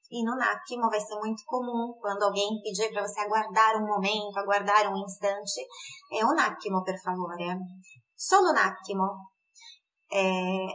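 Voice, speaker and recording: A woman teaching an online Italian lesson in Portuguese, slowly repeating words for pronunciation. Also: fairly high pitch, fairly bright tone, poor audio.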